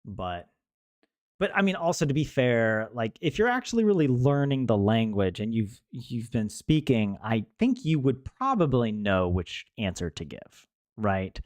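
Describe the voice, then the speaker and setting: Here a young language learner chats with viewers as he studies, cracking jokes, laughing and restarting his rambling thoughts. He has a mid-range, slightly mellow voice with big pitch swings and a measured pace, recorded without echo.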